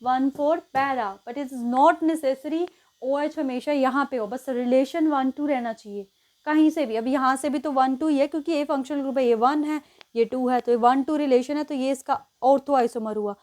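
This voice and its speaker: High-voiced woman teaching chemistry. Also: normal speed, a little mellow. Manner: explains step by step, counts positions aloud, often checks with "ठीक है". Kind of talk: exam-prep lesson at a board.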